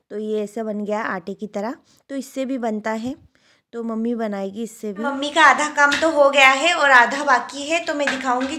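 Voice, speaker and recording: Sitting high in pitch, this woman's voice comes with some background noise. She's a young new mother from India, vlogging from inside her home and chatting easily while she points her phone at things and explains them.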